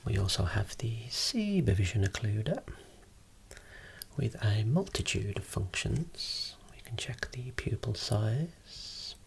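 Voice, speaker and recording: Slow whispering ASMR optometrist. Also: medium pitch, gravelly. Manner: soft unvoiced whispering, explaining slowly. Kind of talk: ASMR role-play.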